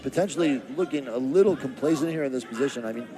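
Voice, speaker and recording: A man giving live MMA play-by-play commentary in a measured, descriptive announcer style. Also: medium pitch. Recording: crowd noise and music behind. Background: arena crowd and music.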